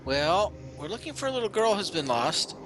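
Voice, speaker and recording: A man's voice: high-pitched, sing-song, moderate pace, a bit bright, slight background noise, poor audio. A man playing a tabletop role-playing game, chatting casually and partly speaking in character. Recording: music behind the voice.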